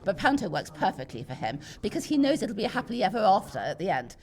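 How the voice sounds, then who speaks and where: A middle-aged British woman, a parent and pantomime enthusiast, speaks as a podcast interview guest, fast and very animated at medium pitch. She is emphatic and conversational, repeating words for stress, while busy crowd chatter fills the venue behind her.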